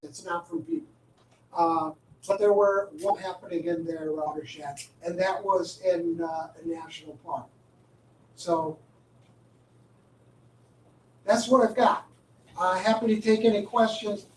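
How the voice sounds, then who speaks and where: High-voiced, slow man in echoey hall. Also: a little mellow, slight background noise. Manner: halting, many filler "uh"s, wry asides. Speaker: presenter at a county board meeting. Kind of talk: informal public briefing. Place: county board meeting room. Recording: echoey room, distant mic.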